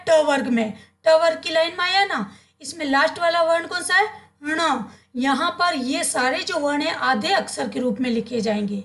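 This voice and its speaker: A high-voiced woman explaining grammar as a teacher. She asks her students questions, answers them herself and repeats the key terms so they stick. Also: a bit bright. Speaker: Hindi teacher.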